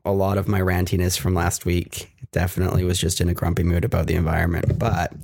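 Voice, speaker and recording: A New York man co-hosts a casual tech podcast, rambling and ranting with the odd swear word. His voice is low and monotone with vocal fry, and he talks fast. He is recorded on a close mic with a pop filter against a noisy background.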